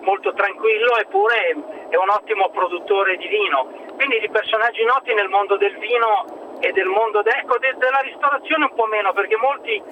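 A man speaks over the phone in a light, high voice, recounting stories as a food expert guest. The line sounds thin and tinny, with a faint hiss of noise behind him. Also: brisk. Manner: chatty, anecdotal storytelling.

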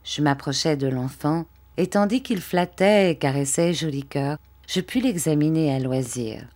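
Low-voiced woman reading a novel aloud. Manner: measured, expressive reading. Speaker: audiobook narrator. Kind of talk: literary audiobook narration.

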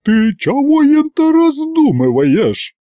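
A man voicing a loud, bossy older woman who bellows and scolds in a storybook. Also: deep voice, very animated, slow, no echo, voice pushed up, exaggerated voice. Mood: scolding.

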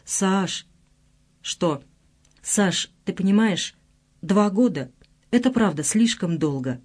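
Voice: mid-range voice, expressive, slow pace, a little mellow. An audiobook reader voicing a guilty, desperate young woman who pleads in a breaking voice. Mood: pleading. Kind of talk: audiobook character voice.

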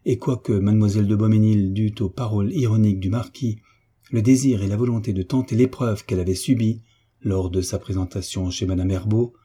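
A man narrating a classic novel as an audiobook, measured and literary. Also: lowish voice, steady tone, dark tone, husky. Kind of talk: audiobook reading.

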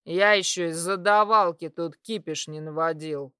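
A woman voicing a drunk, lecherous male warlock who talks in a slow, loud, leering drawl, lower than her own voice. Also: smooth, no echo, clean studio sound. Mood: grudging.

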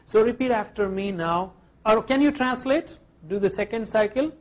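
A man's voice: sits high, slow pace. A man teaching Arabic verbs to a class, patiently drilling each form and having students repeat after him.

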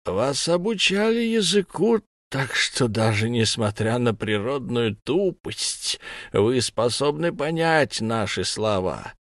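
For an audiobook, a man voices a smug, menacing humanoid alien interrogator who lisps, asking questions in a mocking, condescending way. His mid-range voice swings widely in pitch and moves slowly, recorded in a clean studio with no echo.

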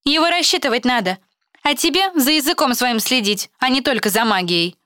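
Brief: a woman playing a smug, teasing girl student, higher voice, drawling mockery, dry close sound. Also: brisk, pushed and bright, no room sound.

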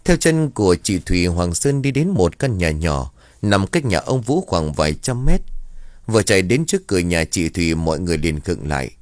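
A man narrating a scripted story in a steady, even storytelling manner. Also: low-pitched, normal speed, no echo, studio quality.

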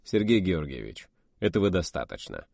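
A man voicing an older male fleet admiral who speaks quietly and evenly with dry humor. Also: low voice, big pitch swings, normal speed, vocal fry, dry recording, heavily acted. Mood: calm.

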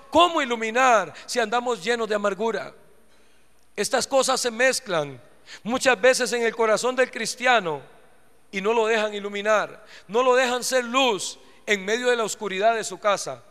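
A man's voice: very high voice, sharp tone. A man with a Costa Rican accent preaching fervently to his congregation in a live church sermon, often calling out to the listeners. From Costa Rica. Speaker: pastor. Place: church sanctuary. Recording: reverberant church hall.

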